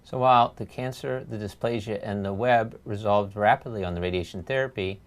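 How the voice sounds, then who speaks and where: A man giving scripted medical narration as a lecturing doctor, explanatory and measured, stressing key points. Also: fairly low pitch. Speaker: laryngologist lecturer.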